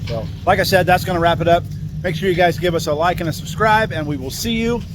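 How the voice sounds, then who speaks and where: Slangy male vlogger over loud engine noise. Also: high-pitched, fast talker. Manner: folksy, slangy, addresses viewers as "you guys". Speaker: vlog host and mechanic. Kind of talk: casual vlog commentary. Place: outdoor off-road repair shop in dunes. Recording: loud vehicle and outdoor noise.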